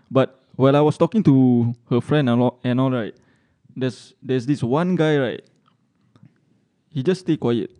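Casual male podcast storyteller, mellow voice, Malaysian-Singaporean accent and slangy English peppered with lah and sia, swears freely. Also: mid-range voice, measured pace, pauses often. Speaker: podcast co-host.

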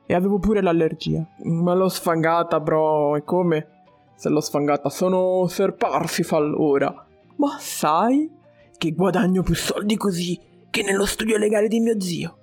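A narrator voicing a carefree young man working as a costumed knight, with slangy, stumbling, drawn-out speech over faint music. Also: mid-range voice, a little mellow, slightly rough.

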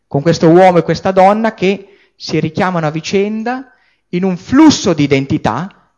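A man lecturing on scripture to a class, animated and explanatory, often checking in with his listeners and restarting words mid-thought. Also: on the high side. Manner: animated, checks in with frequent tag questions.

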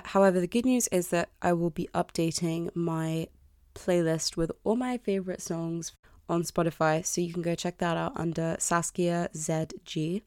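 Female podcast host, early 20s. Mellow and deep, self-deprecating and candid, recorded close and dry. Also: steady tone, moderate pace, no echo. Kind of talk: confessional solo podcast talk. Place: bedroom. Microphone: close podcast microphone.

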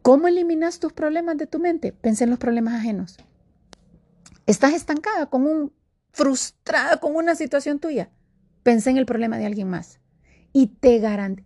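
Earnest woman with a warm, husky voice. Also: high voice, no echo, studio quality. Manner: earnest and animated, drops to whispers in prayer. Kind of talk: devotional talk to camera.

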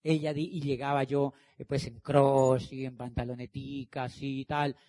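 A man's voice: medium pitch, flat delivery, moderate pace, warm tone. A middle-aged man speaking to an audience as a motivational speaker. He acts out the dialogue and hammers his points home with emphatic repetition. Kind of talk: animated storytelling talk.

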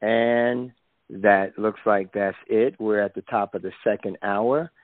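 Male call moderator, low and slow, phone-line sound. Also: fairly even intonation, no echo. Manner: measured, procedural.

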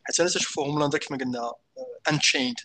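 A man's voice: fairly high pitch, rapid-fire, bright, forceful tone. A man with a Moroccan accent co-hosting a casual chat, rambling and often restarting his sentences. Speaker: podcast co-host. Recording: faint background noise.

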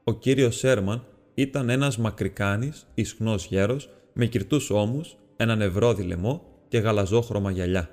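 A man narrating an audiobook in a steady, measured storytelling manner. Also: on the low side, in a large hall, soft background music. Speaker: audiobook reader.

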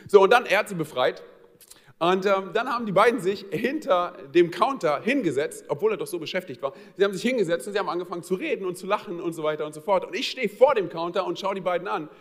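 A man delivers a sermon in a fast, conversational flow, talking directly to his congregation and telling funny stories with lots of fillers. His voice sits a little high. A long reverb from the church hall trails behind him. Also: animated, fairly bright tone. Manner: conversational, talks straight to the congregation; humorous storytelling with frequent fillers. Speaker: pastor. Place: church service.

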